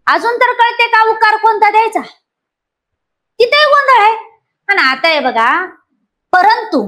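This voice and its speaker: High-voiced woman teaching a grammar class. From Maharashtra. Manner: lively, questions students and repeats key points. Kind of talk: classroom lecture for exam aspirants.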